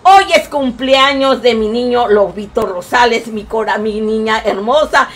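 A woman with a Mexican accent live-streaming, reading viewers' messages aloud and doting on each of them with grandmotherly endearments, breaking into excited cries. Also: fairly high pitch, measured pace. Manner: excitable, bursts of loud cries.

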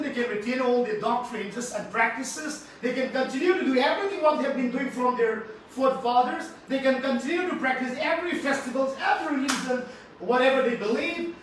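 Indian-accented man preaching in echoey hall. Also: extremely high pitch. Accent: Indian English. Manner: emphatic, repeats phrases, asks congregation to respond. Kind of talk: sermon to a congregation. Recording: very echoey hall, from far off, faint noise.

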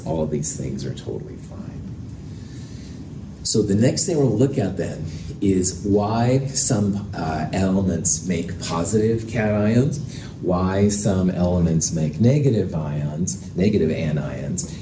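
A man lecturing as a professor in a lecture hall, explaining things in a casual, self-deprecating way. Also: deep voice. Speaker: chemistry professor. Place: indoor lecture hall with projector screen and chalkboard. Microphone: distant from the speaker. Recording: roomy lecture hall, distant mic, noisy.

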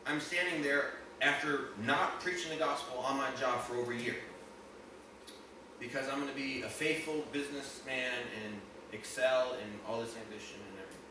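A man, a guest minister, telling a personal testimony in a sermon and building up to emphatic preaching. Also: mid-range voice. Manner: storytelling, rising to emphatic preaching. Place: church sanctuary. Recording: echoey hall, distant mic, noisy.

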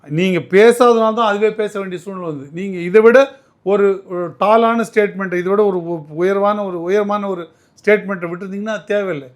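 A man's voice: sits high, steady tone, brisk. A man answering as a political commentator in an interview, arguing emphatically and often restarting his words.

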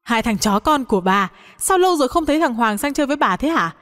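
A woman's voice: sits high, animated, quick pace, fairly bright tone, long reverb tail, pitched above the performer's own voice. Woman doing a bubbly rejuvenated granny. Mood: doting. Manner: bubbly, doting, teasing. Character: grandmother made young again, playful, boy-crazy.

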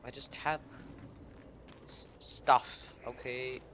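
A man's voice: mid-range voice, flat delivery, slow, sharp tone, a little hiss or hum. A young man chatting casually while gaming, slangy and stammering, often repeating himself. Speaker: gaming friend on voice chat.

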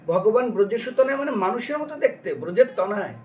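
Here a preacher-storyteller with a high-sitting voice talks briskly over a faint hiss or hum. His devotional lecture unfolds as a lively tale, complete with acted-out dialogue and questions posed to the audience, recorded from afar with music underneath.

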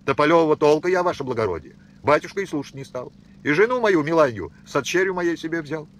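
A scared young peasant soldier, voiced by a male reader, pleading and mumbling in rustic speech. His pitch rises and falls in anxious waves. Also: lively intonation, quick pace, lightly acted.

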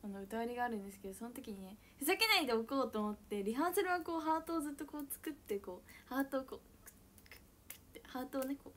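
A young woman with a high, bright voice and a chats casually with viewers on her livestream. She is bubbly and giggly, and she talks loudly. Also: animated, racing, a little hiss or hum. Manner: giggly, bubbly, frequent laughter; self-describedly loud voice. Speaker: idol livestreamer. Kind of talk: casual chat reading viewer comments.

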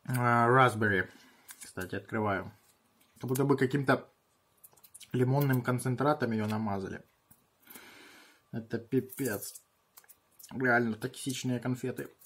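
A man in his thirties chatting casually on a home vlog in halting short bursts while he handles and tastes things, with a husky voice. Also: medium pitch, a bit bright. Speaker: video host tasting candy. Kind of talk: casual vlog chat with muttered reactions. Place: small room at home.

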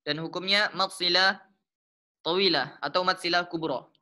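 Bright-voiced Malaysian man teaching recitation. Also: high voice, steady tone. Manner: slow, patient, repeats terms, chants the verse examples. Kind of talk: explaining tajwid rules step by step.

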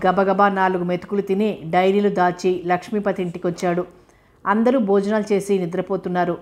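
A woman's voice: mid-range voice, a little mellow. Woman narrating a novel. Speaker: audiobook narrator. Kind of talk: scripted narration.

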